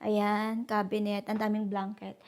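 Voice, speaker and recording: A woman's voice: medium pitch, completely flat delivery, a little slow, a little mellow. A young woman, chatting casually in a travel vlog, switching between Tagalog and English and laughing often as she walks city streets. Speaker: travel vlogger.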